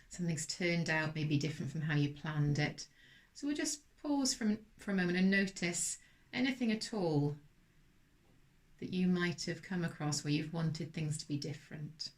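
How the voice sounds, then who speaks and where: A woman teaching mindfulness, giving a gentle, unhurried guided meditation talk with soft fillers. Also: fairly low pitch.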